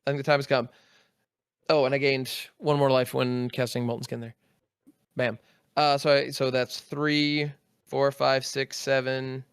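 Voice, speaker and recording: A man talking through his turn at a card game, counting out loud and dropping little sound-effect words as he plays. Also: mid-range voice, clean tone, no echo, studio quality. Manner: methodical, counts aloud, sound-effect interjections. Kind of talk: casual play-by-play of his own turn.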